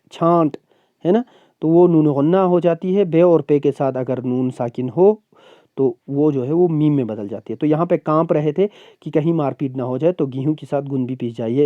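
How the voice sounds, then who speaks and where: A man who speaks Purgi as his first language gives a recorded Urdu lesson. He explains words slowly, stretches out sounds, and often checks in with his students. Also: a little high, no echo, highs cut off. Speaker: Urdu teacher. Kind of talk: recorded class lecture.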